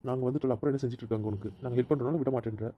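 A man's voice: medium pitch, very fast, lo-fi sound, close to an everyday voice. A man playing a bossy teasing husband. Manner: commanding, teasing. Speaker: voice actor in audio drama. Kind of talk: amateur audio drama acting.

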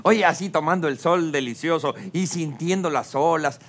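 A man's voice: a little high, moderate pace, fairly bright tone. A man with a Mexican accent delivering a slangy comedy monologue as a late-night host, joking with the audience. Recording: noisy studio with a live audience. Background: audience laughter and noise.

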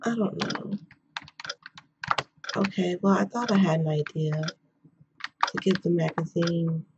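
A young woman hosting a game playthrough in a quiet whisper, chatting casually as she plays. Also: fairly low pitch, takes it slowly, muffled recording. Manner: whispering quietly, keeping voice hushed. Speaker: gaming video host. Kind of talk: whispered let's play commentary, casual chat. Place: indoors at home. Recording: noisy background, keyboard and mouse clicks.

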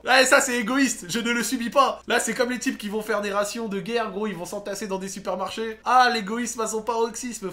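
A young man commentating his own gameplay, excitable, swearing and shouting at the game. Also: sits high. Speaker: gaming YouTuber.

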